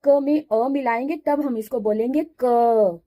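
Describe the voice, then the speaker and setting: A woman teacher walks through a grammar lesson at an unhurried pace. She pauses to sound out each syllable slowly and clearly. Her voice sits slightly high but stays soft and mellow. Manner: patient, slow syllable-by-syllable demonstration. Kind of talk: Sanskrit grammar lesson explained in Hindi.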